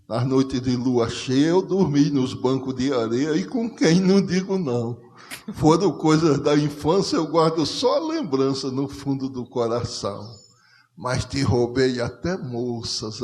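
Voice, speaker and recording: A man from Rio Grande do Norte with a Northeastern Brazilian accent, reciting rhymed poetry in a rhythmic, declamatory way at a conversation circle. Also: medium pitch. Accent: Northeastern Brazilian, Potiguar. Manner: rhythmic, declamatory verse delivery with repetitions. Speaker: poet, guest of a conversation circle. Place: auditorium of a cultural center. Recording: long hall reverb.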